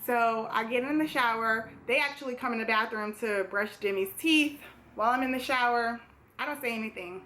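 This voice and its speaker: A woman's voice: on the high side, brisk, pushed and bright, slight background noise. A young woman vlogger casually telling a personal story to camera, chatty, with many fillers and small laughs.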